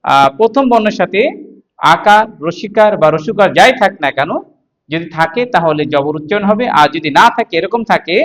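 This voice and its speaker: A man's voice: high-pitched, normal speed, a bit bright. A man teaching Quran reading, sounding out Arabic syllables one by one, repeating each several times, then explaining the spelling rules patiently. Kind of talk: slow letter-by-letter recitation lesson.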